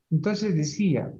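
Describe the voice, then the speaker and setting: Slow, deliberate male lecturer. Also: a little high, warm tone, slightly rough, highs cut off. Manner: slow, deliberate, pausing and repeating words. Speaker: university lecturer. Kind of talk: recorded class lecture.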